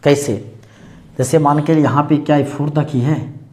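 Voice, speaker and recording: A male maths teacher lectures at the board in a mellow, dark voice. He walks through each step and poses questions to the class, then answers them himself. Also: on the high side, steady tone, a little slow. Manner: explains step by step, asks and answers his own questions.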